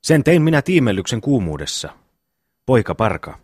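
A man reading the part of a slow, good-natured young brother in an audiobook, plodding and homely. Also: medium pitch, very animated, a little mellow, slightly rough, no room sound, clean studio sound.

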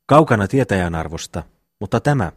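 A man voicing a calm, thoughtful brother who speaks in measured, sermon-like phrases in an audiobook reading. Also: on the low side, breathy edge, dry recording, studio quality. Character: calm, wise, reasoning young brother.

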